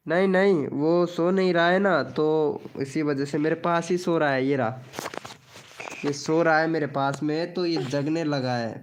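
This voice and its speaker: A man hosting a casual live stream at home, greeting viewers and reading the chat aloud. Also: a little high. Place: indoors at home, child beside him.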